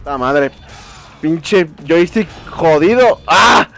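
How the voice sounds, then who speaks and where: A young man with a Mexican accent giving casual commentary while playing a video game, swearing and shouting in frustration. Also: a little high, expressive, very slow, gravelly. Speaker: gameplay streamer. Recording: faint game music behind.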